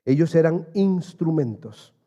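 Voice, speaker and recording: A man's voice: on the high side, lively intonation, measured pace, warm tone, dull audio. A male pastor preaching an earnest sermon in church, building to emphatic raised passages and calling his listeners dear brother.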